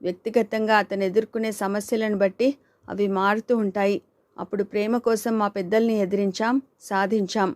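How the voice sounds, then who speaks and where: A woman voicing Shyamala, a stern middle-aged mother who argues in a measured, firm way, in an audiobook reading. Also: medium pitch, flat delivery, darkish tone, no room sound, close to an everyday voice.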